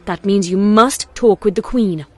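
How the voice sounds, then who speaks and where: A woman's voice: mid-range voice, a little slow, close to an everyday voice. A woman playing a regal, burdened pony princess of the night in an audio drama, stately and formal. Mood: pleading, urgent.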